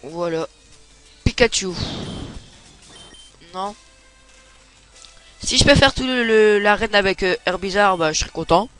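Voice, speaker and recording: A man's voice: high-pitched, measured pace, long pauses, a bit bright, smooth, faint music behind, low-quality recording. A young man giving casual, chatty commentary over his gameplay, swearing when it goes badly. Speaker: let's play gamer.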